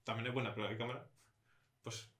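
A man's voice: medium pitch, flat delivery, fast talker, fairly bright tone, echoey room. A young man co-hosting a casual podcast chat, joking and rambling as he goes. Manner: jokey, rambling, laughs often. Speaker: podcast co-host.

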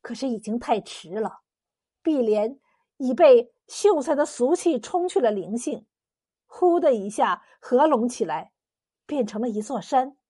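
A woman narrating a folk legend as a storyteller in a lively, expressive way. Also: fairly high pitch, measured pace, husky.

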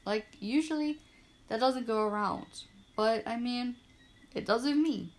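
A young Bermudian woman, bilingual in Portuguese and English from birth, hosts her own small podcast and chats alone in a casual, upbeat, self-deprecating way, spelling things out slowly. Her voice sits a little high. Frogs and crickets can be heard at night behind her.

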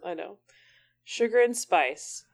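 A woman's voice: mid-range voice, animated, takes it slowly, vocal fry. A woman co-hosting a podcast, chatting casually, laughing often, and reading blurbs aloud. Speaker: podcast co-host. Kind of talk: casual chat.

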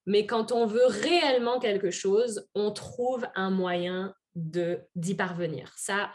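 A woman's voice: mid-range voice, slow pace. A woman from France with a French accent touched by Québécois, an earnest podcast guest who talks with many fillers and restarts. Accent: French, picked up some Québécois. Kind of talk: casual podcast interview.

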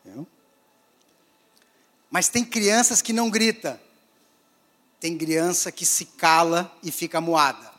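A pastor with a high-pitched voice delivers a sermon to a gathering, his words carrying a long hall echo. He takes it slowly, pausing often, and swings dramatically between loud, emphatic lines and quiet, pulled-back ones.

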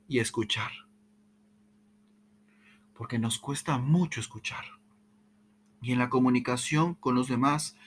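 A man giving a motivational talk on communication, checking in often with "¿sí?", repeating and stumbling over words, with dramatic swings in pitch. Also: a little hiss or hum. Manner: repeats "¿sí?" to the audience, animated. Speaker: speaker on communication.

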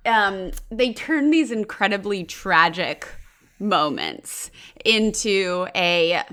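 A woman's voice: medium pitch, animated, takes it slowly, a bit bright. A woman co-hosting a podcast, chatting about a favorite film with gushing enthusiasm. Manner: enthusiastic, gushing, lots of ums and likes. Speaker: podcast co-host. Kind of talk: casual film discussion.

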